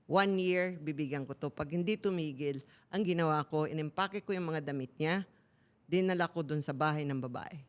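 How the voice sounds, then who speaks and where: A woman's voice: sits low, moderate pace, clean tone. A middle-aged woman candidly telling a personal story on a talk show, switching between Tagalog and English. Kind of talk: casual talk-show chat.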